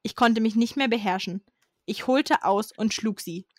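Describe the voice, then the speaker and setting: A woman's voice: fairly high pitch, normal speed, a little mellow, dry recording. Amused woman reading aloud, dry sound. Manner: amused, often breaking into laughter, stumbles over words. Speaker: podcast host reading her childhood story.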